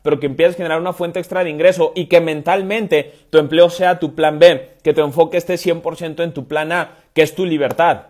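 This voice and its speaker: A man's voice: on the high side, fairly even intonation, brisk, few pauses, a little mellow. A man in his thirties giving a motivational live stream as a business coach, talking emphatically with repeated rhetorical questions. He speaks indoors into a wired earphone mic in front of a phone camera. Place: indoors, room with stone-pattern wall. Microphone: wired earphone headset mic, phone camera.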